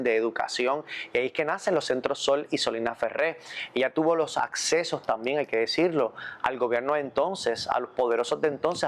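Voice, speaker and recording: A Puerto Rican man, a priest, answering interview questions in a measured, reflective way and repeating phrases for emphasis. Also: medium pitch. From Puerto Rico.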